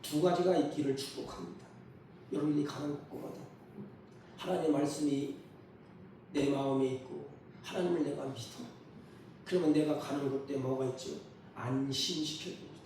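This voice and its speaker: A man's voice: on the high side, fairly even intonation, normal speed, darkish tone, a little hiss or hum. A male pastor preaching a sermon, emphatic, often putting questions to his congregation. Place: church sanctuary. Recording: echoey hall from far off.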